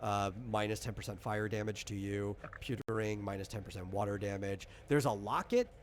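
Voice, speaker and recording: Serving as game master, a man casually walks through tabletop game rules during character creation, thinking aloud as he explains. His voice sits on the low side and moves at a moderate pace.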